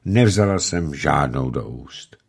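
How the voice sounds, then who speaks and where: Storybook granny, kindly and old, homely, gently chiding, voiced by a male reader; husky, low. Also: lively intonation, full character voice. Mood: homely, gentle. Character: kindly old peasant grandmother.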